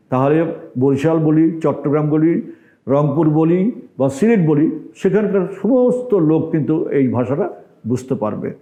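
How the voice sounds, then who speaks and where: A man's voice: a little high, mellow. Older man lecturing in a roomy echo. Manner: measured, explanatory, repeats phrases for emphasis. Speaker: host of a Bengali language show. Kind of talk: lecture-style talk to camera.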